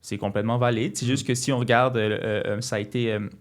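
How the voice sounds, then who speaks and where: A man's voice: mid-range voice, steady tone. A man, speaking earnestly as an interview guest and often restarting his sentences. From Quebec. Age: 20s. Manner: earnest, halting with many restarts. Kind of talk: casual interview talk.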